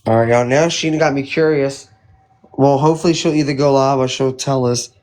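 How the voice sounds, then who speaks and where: A man's voice: mid-range voice, fairly even intonation, brisk, a little mellow. Rambling man hosting a casual live chat. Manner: hesitant, rambling, colloquial. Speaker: live stream host.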